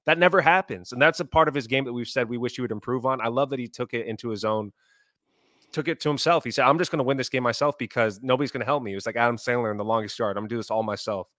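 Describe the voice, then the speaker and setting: A man co-hosting a sports podcast, recounting plays fast and with animated exasperation. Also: medium pitch, no room sound, clean studio sound. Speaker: podcast co-host.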